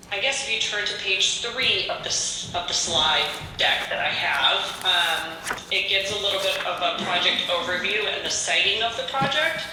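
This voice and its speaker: Piped via speakerphone into an echoey meeting room, a remote female company presenter hesitates often and fills gaps with filler words. Her voice is lowish and sharp-toned, accompanied by a little hiss or hum.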